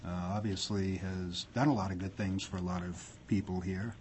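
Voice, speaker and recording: A man speaking as a judge in court, deliberate and measured. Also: low-pitched, fairly even intonation, a little mellow, a little hiss or hum. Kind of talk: courtroom remarks.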